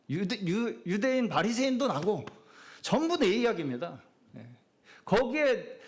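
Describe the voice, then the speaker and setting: Middle-aged male pastor, lively and high-pitched, chatty sermon delivery with frequent affirmations. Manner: conversational preaching, frequent affirming "예" interjections. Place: church sanctuary.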